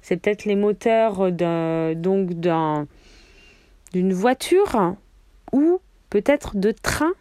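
A woman's voice: mid-range voice, expressive, very slow, dark tone, clean tone, no echo, studio quality. A woman leaving a rambling, self-deprecating voice message for a podcast, laughing at herself. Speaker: listener sending a voice message. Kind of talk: casual voice message.

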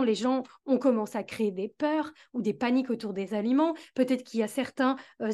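A woman with a high, light voice hosts a solo educational podcast. She explains each point earnestly and talks straight to the listener, as if advising one person. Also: darkish tone. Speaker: podcast host, digestive health specialist.

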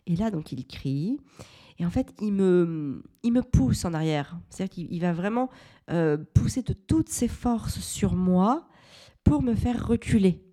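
A woman in her thirties, hosting a parenting podcast, shares a personal story in a low, mellow voice that is animated yet unhurried. She comes across as candid and reflective, frequently restarting her sentences.

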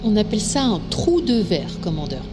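A woman's voice: medium pitch, big pitch swings, moderate pace, close to an everyday voice. Science officer played by a woman: helpful, deferential, mid-range voice, sci-fi comedy over music. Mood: explanatory. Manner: explanatory, deferential. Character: eager female science officer advising her commander. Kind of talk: sci-fi comedy audio drama.

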